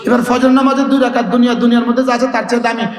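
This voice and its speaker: A high-voiced male preacher delivers a sermon, pausing often to have the crowd repeat after him and lilting through Arabic phrases. His voice rings through a large hall with a long, echoing tail. He sounds worn out. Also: little pitch movement. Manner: call-and-response, asks crowd to repeat; rhythmic chanting of Arabic phrases. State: tired. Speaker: Islamic preacher. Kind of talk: Bengali waz sermon. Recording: echoey hall with long reverb.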